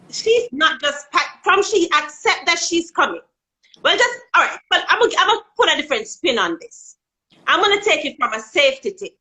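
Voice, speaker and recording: On a phone video call, a Jamaican-accented woman joins a live chat as a guest and talks frankly about dating and sex, her pitch climbing when she makes a point. Her bright, forceful voice comes through a handheld phone in a rough recording.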